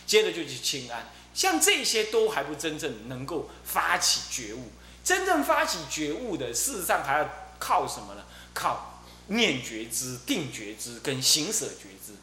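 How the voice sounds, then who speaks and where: A middle-aged man, giving a Buddhist dharma talk as abbot and telling stories in a lively way, often repeating his fillers. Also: a little high, moderate pace. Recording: roomy echo with faint hum.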